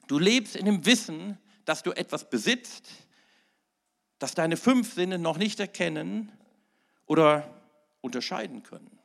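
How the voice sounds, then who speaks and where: Gravelly man preaching with sudden loud peaks. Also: high-pitched, expressive, unhurried, pauses often. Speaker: pastor. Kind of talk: sermon.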